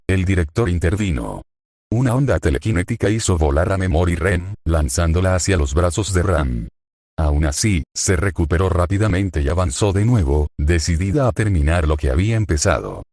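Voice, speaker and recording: A synthetic male voice narrating a fan-fiction story in an even reading, speaker tags and notes read aloud. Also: low voice, moderate pace, no room sound, clean studio sound.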